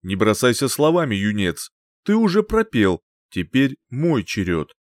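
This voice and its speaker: A wise old male singer-sorcerer, slow and measured, mocking his rivals with quiet scorn, as a man puts him on. The voice rises a little above the storyteller's own and swings widely in pitch. It sounds close and dry, like a storybook being read aloud. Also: wildly swooping pitch, dry recording. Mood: stern. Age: older.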